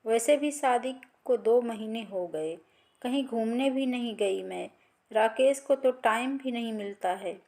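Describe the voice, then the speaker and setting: A woman's voice: fairly high pitch, measured pace, dark tone. A woman storyteller voicing a scheming young wife who blames others. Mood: sly. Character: scheming young wife, sly sister-in-law.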